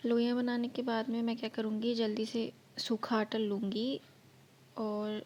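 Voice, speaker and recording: A woman's voice: fairly high pitch, flat delivery, unhurried, darkish tone. A woman narrating her cooking vlog, explaining each step in a chatty way, her throat slightly sore. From India. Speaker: vlogger.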